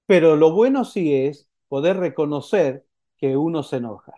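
A man's voice: fairly high pitch, expressive, moderate pace, mellow. A male pastor with a Rioplatense Spanish accent, preaching a sermon in a conversational way, often tagging his points with a questioning "eh?" and acting out little quotes. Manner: conversational preaching with frequent "¿eh?" tags and acted quotes.

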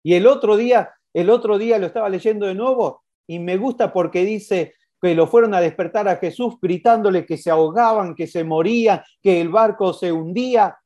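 Preacher mid sermon, warm dark tone, repeats lines and keeps asking the crowd stuff. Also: mid-range voice, normal speed, few pauses, lo-fi sound. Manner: animated, repetitive, rhetorical questions.

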